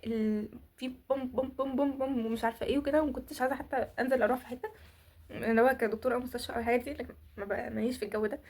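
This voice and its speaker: A teenage Egyptian girl talks to her followers in a loose, rambling vlog, her voice sitting high and bright. She races through her words at a breakneck clip, stumbling, restarting and piling on fillers as she goes. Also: fairly even intonation, very fast. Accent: Egyptian Arabic. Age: teens. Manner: rambling, candid storytelling with frequent restarts and fillers. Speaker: vlogger. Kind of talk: casual chat to camera.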